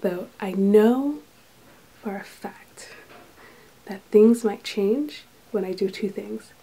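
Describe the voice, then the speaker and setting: A woman talking softly and half-whispering in a casual vlog, recorded in a small room with thin walls. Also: medium pitch, slow pace, husky, rough recording. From United States. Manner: talks softly and hushed, drifting into whispers. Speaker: vlogger, English teacher abroad.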